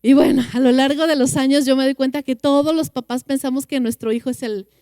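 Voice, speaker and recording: A woman with a Mexican Spanish accent teaches parents in an earnest church talk, drawing out key words for emphasis. Her voice sits a little high yet mellow and smooth. The recording is dry and close. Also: steady tone, no echo. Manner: earnest, slows down for emphasis and acts out children's replies. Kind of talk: teaching talk with Bible quotes.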